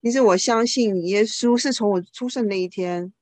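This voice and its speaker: In a mid-range voice with a darkish tone, a woman gives a live interpretation of a speaker's talk in another language. Her delivery is fast and informal, with frequent self-corrections.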